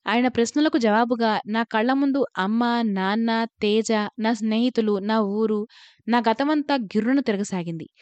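A woman's voice: on the high side, a little slow, darkish tone, no room sound. A woman reading a first-person story aloud, in an earnest, emotional way. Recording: slightly dull, lo-fi recording.

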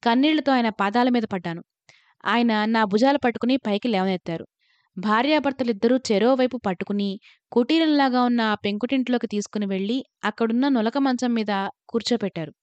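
Woman reading a first person story, earnest and emotional, kinda high voice, dry close sound. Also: fairly quick, darkish tone, dry recording. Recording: slightly dull, lo-fi recording.

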